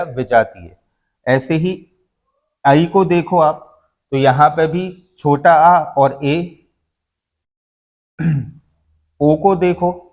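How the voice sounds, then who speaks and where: A man teaching a grammar lesson, who keeps asking his students questions and answering them himself in a patient, drawn-out way. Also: fairly high pitch, a little mellow. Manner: slow, drawn-out explanation. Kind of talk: classroom lecture on grammar.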